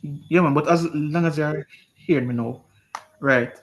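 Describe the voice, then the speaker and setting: Slow male teacher on a breaking-up call line. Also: on the high side, low-quality recording. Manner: slow, deliberate, checks with "right?". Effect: breaking up over a bad connection. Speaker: chemistry teacher. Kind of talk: online revision lesson.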